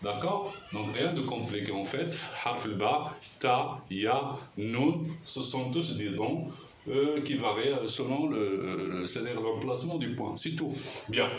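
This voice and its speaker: A man's voice: mid-range voice, lively intonation, measured pace. A man teaching a language lesson at a board, patiently repeating sounds and checking that everyone follows. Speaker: Arabic teacher. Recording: roomy echo, mic far off, faint noise.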